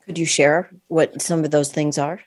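A woman hosting an interview with a sometimes raspy voice, chatting in a friendly, relatable way. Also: low-pitched, fairly even intonation, normal speed, darkish tone, dry recording, clean studio sound. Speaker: podcast host. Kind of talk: casual interview.

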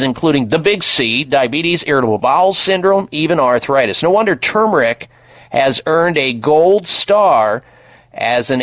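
A man hosting a radio call-in health show, reading ads and giving advice in an animated, salesy way. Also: medium pitch, no room sound. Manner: lively, salesy, advising.

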